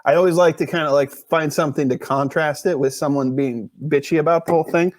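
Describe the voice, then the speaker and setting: A man's voice: fairly high pitch, fairly even intonation, fast, dry recording. A man from the US Pacific Northwest hosting a casual beer review podcast, rambling and joking as he reads reviews aloud.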